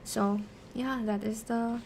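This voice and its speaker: Taking it slowly, a streamer who teaches biochemistry asks herself science questions and works through the answers, half talking to herself in a casual way. Her fairly high voice has a darkish tone and stays steady. Slight background noise is audible.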